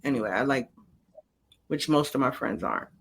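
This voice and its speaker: A woman's voice: a bass voice, lively intonation, normal speed, gravelly. A middle-aged woman speaking casually as an interview guest, explaining things colloquially through personal examples. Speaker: sleep coordinator, interview guest.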